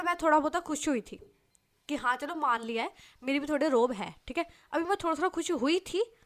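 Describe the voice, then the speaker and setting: A woman voicing an angry young woman who complains loudly and in exasperation about a rude coworker. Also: high-pitched.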